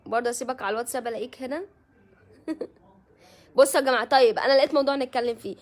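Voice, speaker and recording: Chatty Egyptian woman, high voice. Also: rapid-fire. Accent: Egyptian Arabic. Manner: chatty, greets viewers by name, laughs often. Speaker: live-stream host. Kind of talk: casual live-stream chat with viewers.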